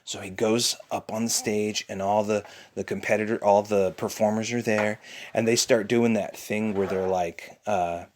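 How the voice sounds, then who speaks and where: A man telling his child an improvised bedtime story in a dark bedroom, chatty and relaxed with playful asides. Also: fairly low pitch, normal speed, a little hiss or hum. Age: adult.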